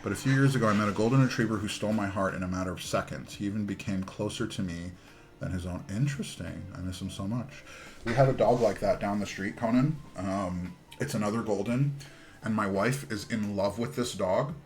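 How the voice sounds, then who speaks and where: Fairly low-pitched and brisk, a man in his thirties talks casually on a live stream while assembling a keyboard. His anecdotes wander, trail off, and restart.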